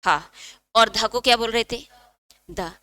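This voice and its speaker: A woman's voice: a little high, slow pace, bright, forceful tone, smooth, no room sound. A woman teaching a Hindi exam-prep lecture, asking questions and answering them herself, and dictating note points.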